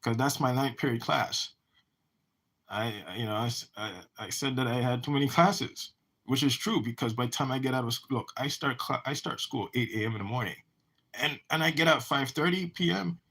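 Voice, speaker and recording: A man's voice: mid-range voice, brisk, fairly bright tone. A man who talks about his own life in a rambling monologue, often restarting and repeating words. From United States. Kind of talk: personal monologue.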